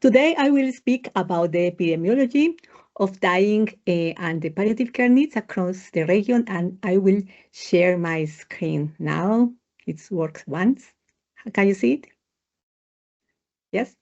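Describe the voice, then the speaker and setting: A woman with a Colombian Spanish accent presents research in a webinar, measured and hesitant, with frequent fillers. Her voice is mellow and warm. It comes over a slightly dull video call line. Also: mid-range voice, lively intonation.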